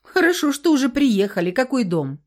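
A woman reading an audiobook, voicing a lively, outspoken young woman friend. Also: high-pitched, moderate pace, voice pushed up. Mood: cheerful. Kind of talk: audiobook character voice.

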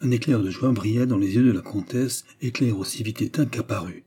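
A man narrating a classic novel as an audiobook in a measured, steady reading. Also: fairly low pitch, slightly rough.

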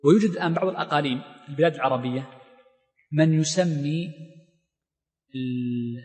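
A man's voice: fairly high pitch, fairly quick, darkish tone, long reverb tail. A man teaching a lesson on Islamic law, reading lines from a text and then explaining them with many fillers and restarts. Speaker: Islamic scholar teaching fiqh.

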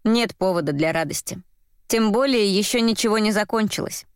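A woman's voice: mid-range voice, moderate pace, clean tone, no echo. Woman narrating an audiobook, dry sound. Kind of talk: scripted narration.

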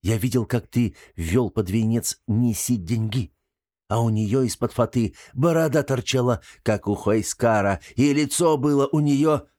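A man's voice: medium pitch, unhurried, darkish tone, no room sound, studio quality, natural voice. A man voicing a young man in an audiobook, teasing and dramatic. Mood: spooky teasing.

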